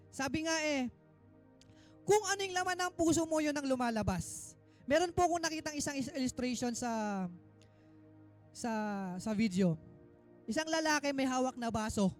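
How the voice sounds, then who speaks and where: High-voiced man preaching a sermon. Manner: emphatic preaching, mixing Tagalog and English; rises to loud exhortation, drops to quiet asides. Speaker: minister.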